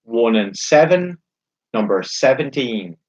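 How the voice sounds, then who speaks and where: A man calling bingo, announcing each number in a measured, formulaic way, digit by digit and then in full. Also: medium pitch, big pitch swings, darkish tone. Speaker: bingo caller and host. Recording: dull, lo-fi sound.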